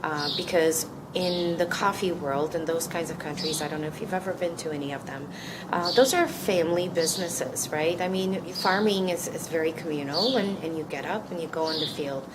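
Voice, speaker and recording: This coffee company co-founder, a woman in her fifties who comes from Turkey, responds to interview questions with reflective earnestness and frequent restarts. She has a deep voice, keeps a moderate pace, and is heard over background noise.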